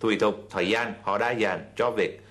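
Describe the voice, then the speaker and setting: Male presenter, lower voice, courteous formal announcing. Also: fairly even intonation, normal speed, a bit bright. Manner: polite formal address to the audience. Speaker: segment presenter. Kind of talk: formal scripted narration.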